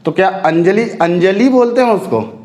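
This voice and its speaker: A male teacher with a fairly high voice leads an exam-prep spelling lesson in an echoey room. He is patient and repetitive, and he keeps checking that his students are following along. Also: normal speed, a little mellow. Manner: explains patiently, repeats words and asks the class questions.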